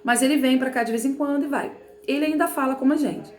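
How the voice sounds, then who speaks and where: A woman's voice: high voice, fast talker, a little mellow, roomy sound. A woman teacher from Rio de Janeiro with a Carioca accent, explaining a textbook lesson in a chatty way and often checking in with her students. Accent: Carioca Portuguese. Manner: chatty, explanatory, frequent "né" and "tá bom". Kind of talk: remote lesson reading from a textbook.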